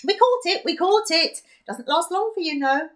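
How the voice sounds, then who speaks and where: A brisk, chirpy little old fairy woman, put on by a woman reading aloud. She bosses people about in a bright, lilting voice that leaps up high and swoops around. She sounds bubbly and in a hurry. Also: expressive, natural voice. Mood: gleeful.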